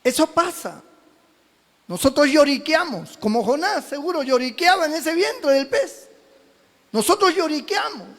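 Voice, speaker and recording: A pastor from Peru preaching a sermon, telling stories with animated swings from shouts to hushed asides. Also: male voice, extremely high pitch, measured pace. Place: church.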